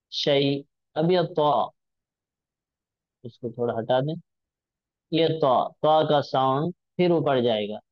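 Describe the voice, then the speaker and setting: A man's voice: a little high, dry recording, highs cut off. A male teacher giving a patient recitation lesson, drawing out sounds to demonstrate them.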